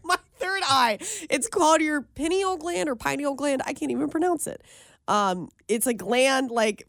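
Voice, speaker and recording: A woman's voice: on the high side, a bit bright, dry recording, studio quality. A young woman co-hosting a podcast in casual chat, laughing often and trailing off mid-sentence. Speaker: podcast co-host.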